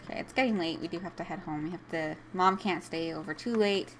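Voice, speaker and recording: A woman's voice: fairly low pitch, a little fast, slight background noise. A young woman giving chatty, emotional commentary while playing a life-sim game as a video host. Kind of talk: casual gameplay commentary.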